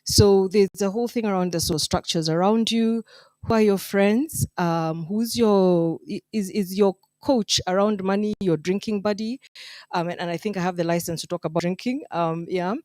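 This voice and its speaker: A woman's voice: medium pitch, moderate pace, darkish tone, no echo. A woman who heads human resources answering on a panel, hesitant with many ums and restarts.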